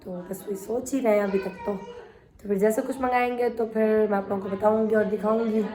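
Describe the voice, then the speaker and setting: A woman's voice: mid-range voice, steady tone, brisk, mellow. A woman talking chattily to her viewers in a casual home vlog, filmed on a phone. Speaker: vlogger. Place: home with guests. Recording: busy room with children's noise. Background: children playing and guests chatting.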